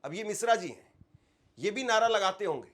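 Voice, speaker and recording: High-voiced Hindi news commentator, emphatic. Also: male voice, lively intonation, normal speed, a bit bright. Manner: emphatic, acts out quoted slogans with strong stress.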